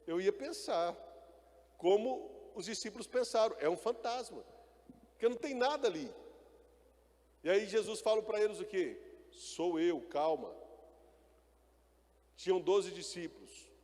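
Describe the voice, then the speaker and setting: Emphatic Brazilian-style pastor in echoing hall. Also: male voice, high-pitched, lively intonation, normal speed, pauses often, a little mellow. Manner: preaching with call-and-response and rising emphatic bursts. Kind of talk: sermon.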